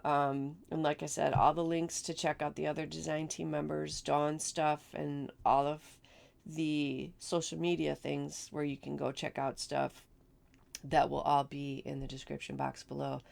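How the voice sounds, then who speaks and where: Low gravelly woman, raspy crafting host. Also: level tone, unhurried, darkish tone. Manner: chatty, enthusiastic, with fillers and repeats. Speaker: card-making channel host. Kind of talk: casual crafting tutorial.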